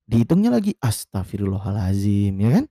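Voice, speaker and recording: Recorded at studio quality with no echo, a fairly quick-talking man tells a slangy story. He sounds exasperated and animated, raising his pitch to act out the quotes.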